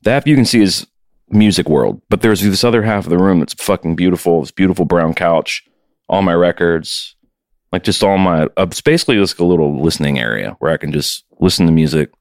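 A deep-voiced man co-hosting a casual podcast from his home music studio, his voice very low and the sound dry and close. He talks loosely, cracking crude jokes and swearing as he chats. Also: fairly quick, dry recording. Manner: loose, joking and profane. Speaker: podcast co-host and touring musician.

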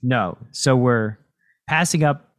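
A man's voice: mid-range voice, slow pace, no echo. A man hosting a podcast in a casual, explanatory, lightly teasing way, close on a podcast mic. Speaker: podcast host and poker coach.

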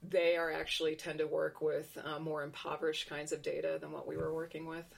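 Low, gravelly, husky woman explaining. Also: level tone, brisk. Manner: thinks aloud with restarts and asides. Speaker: researcher. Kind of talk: conversational explanation.

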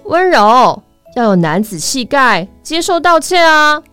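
A woman voicing a fourth-grade boy, a calm and fair older brother, speaking gently but firmly in a children's storybook. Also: sits high, measured pace, soft background music, pitched above the performer's own voice, exaggerated voice. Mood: urging. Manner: gentle and firm.

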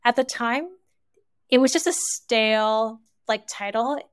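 Bright-voiced woman from Canada. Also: a little high, smooth, no echo, clean studio sound. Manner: lively, quick storytelling with fillers and laughs. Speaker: guest, author. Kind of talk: casual interview talk.

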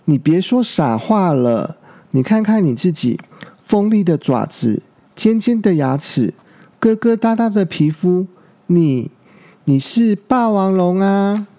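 A man's voice: high voice, very animated, takes it slowly, dark tone, voice pushed up, full character voice. A man voicing a sly, menacing adult male tyrannosaur in a children's storybook, who coaxes and chuckles with a sneer. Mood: scornful.

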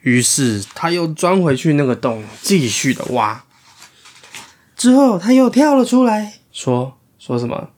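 Dad reading a kids picture book out loud, chatty, keeps asking the kid questions. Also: male voice, on the high side, sing-song, a little slow. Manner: chatty, asks the listening child questions. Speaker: storyteller dad.

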